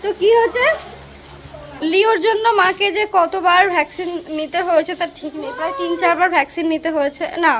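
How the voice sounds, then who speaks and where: A woman's voice: very high-pitched, fairly even intonation, brisk, noisy background. A young woman, chatting casually and rambling through stories for her vlog. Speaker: vlogger. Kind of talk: casual vlog chat and voice-over.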